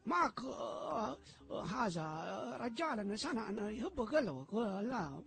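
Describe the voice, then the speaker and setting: A man playing a high-voiced, boastful fake-Saudi Pakistani. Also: very animated, moderate pace, vocal fry, fairly bright tone, heavily acted. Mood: pleading. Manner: broken Arabic, boastful, teasing, pleading. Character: Pakistani man posing as a Saudi tribesman, pushy and flirting. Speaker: prank caller. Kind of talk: comedy sketch phone call.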